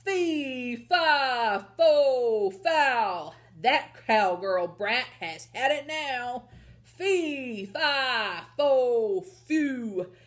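A woman voicing a big, mean giant man who chants in a slow, loud, booming voice. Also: animated, exaggerated voice. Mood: bellowing.

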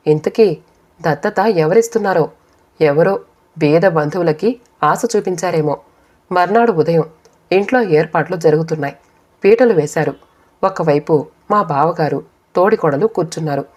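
Low-voiced woman narrating a first-person story. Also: moderate pace, long pauses, darkish tone. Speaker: audiobook narrator.

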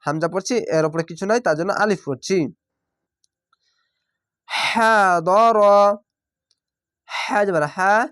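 A man teaching Quran reading, spelling out each syllable slowly and drawing out the sounds. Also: high-pitched, a bit bright, no echo, clean studio sound. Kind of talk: syllable-by-syllable recitation lesson.

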